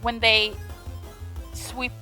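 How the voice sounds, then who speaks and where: A woman doing let's play commentary, chatting excitedly in rambling asides while she reads through a story game. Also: fairly high pitch, very slow. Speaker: let's player. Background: faint game music.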